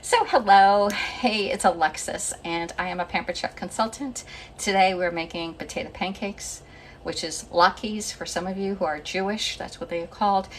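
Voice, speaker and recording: A woman's voice: mid-range voice, normal speed, a little hiss or hum. A woman hosting a casual live cooking stream from her home kitchen, chatting and greeting viewers by name, a little out of breath. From Northeast Pennsylvania. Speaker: home cooking livestream host. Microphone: phone camera.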